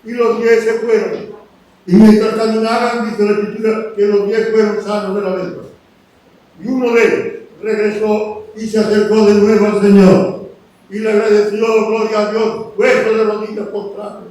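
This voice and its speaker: A man preaching a sermon and retelling a Bible story, who voices its cries louder and drops to soft asides. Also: sits high, level tone, moderate pace, slight background noise. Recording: roomy echo from a distant mic with faint ambience.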